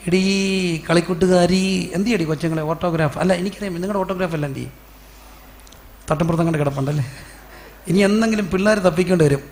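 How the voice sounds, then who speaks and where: Gravelly pastor quizzing congregation. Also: male voice, fairly high pitch, slight background noise. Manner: storytelling, quizzing the congregation with questions; acts out quoted voices. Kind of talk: sermon.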